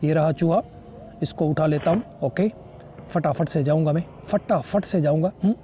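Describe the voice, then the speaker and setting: A man talks his friends through a horror video game in a slightly high, mellow voice, bursting into startled exclamations as he plays. Faint noise hums under his voice. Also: normal speed. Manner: excitable exclamations. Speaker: gaming YouTuber. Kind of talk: let's play commentary.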